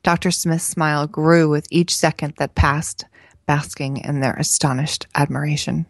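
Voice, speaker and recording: A woman podcast co-host reading a novel excerpt aloud with steady, even narration. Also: sits low, moderate pace, dry recording.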